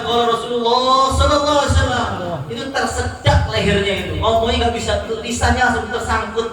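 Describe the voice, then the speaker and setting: A man preaching a sermon, his voice set high for a man. He acts out each story, jumping up and down in pitch for every speaker he quotes. The sound comes from a distance in a big, heavily echoing hall. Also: a bit bright. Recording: echoey hall, heard from far off.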